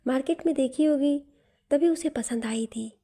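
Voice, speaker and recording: A woman voicing an older mother in a story, speaking in a relaxed, matter-of-fact way. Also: sits high, normal speed. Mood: offhand. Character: older mother, unbothered and doting. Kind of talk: storybook narration.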